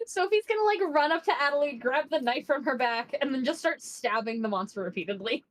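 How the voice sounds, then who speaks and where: A woman's voice: high-pitched, animated, fast. A woman playing a tabletop role-playing game, chatting casually and describing what her character does. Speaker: player in a tabletop RPG. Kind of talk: casual chat during a game.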